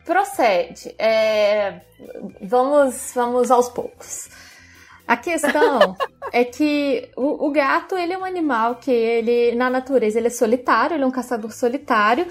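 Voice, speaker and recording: A woman's voice: fairly high pitch, a little slow, soft background music. A Brazilian woman hosting a pet podcast, explaining cat behavior in a casual, friendly way. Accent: Brazilian Portuguese. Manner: explanatory, friendly, restarts phrases. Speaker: podcast host, pet expert.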